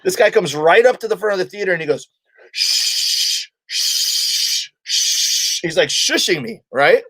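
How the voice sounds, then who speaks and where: A man's voice: high voice, expressive, fast, a bit bright, breathy edge, no echo. A man, a comedian guest, telling a story in a casual interview and acting out the quotes of the people in it.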